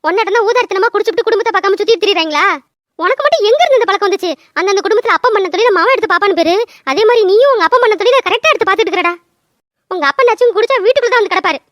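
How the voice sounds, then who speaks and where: Brief: scolding old village mother-in-law, a woman does her, very high and quick. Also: expressive, a bit bright, no room sound, lo-fi sound. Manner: scolding, sarcastic. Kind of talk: cartoon voice acting.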